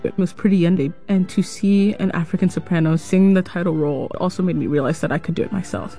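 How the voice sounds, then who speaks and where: A woman's voice: fairly low pitch, steady tone, fast, dark tone, soft background music. A woman from Alabama, an opera singer, speaking in a friendly, direct way about her first opera.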